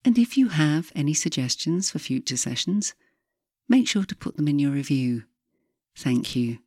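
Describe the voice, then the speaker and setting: A woman speaking as a hypnotherapist host, giving guided relaxation in a soft, breathy voice with a calm, measured, soothing delivery and frequent pauses. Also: low-pitched, no echo, studio quality.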